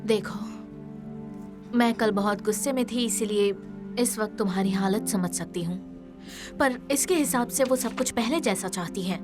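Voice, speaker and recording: A woman dubbing a determined young event planner who speaks earnestly and pushes back quickly. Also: medium pitch, natural voice. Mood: reasoning. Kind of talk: Hindi movie dub. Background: background music.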